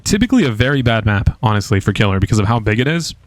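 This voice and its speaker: A man streaming a video game and commentating live, casual and excitable, swearing freely. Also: lowish voice, rapid-fire, dry recording.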